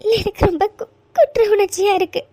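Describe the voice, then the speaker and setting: A performer voicing a young injured wife in a cartoon love story, soft, pleading and apologetic. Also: very high voice, lively intonation, fast, no room sound. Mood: tearful pleading. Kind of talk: cartoon voice acting.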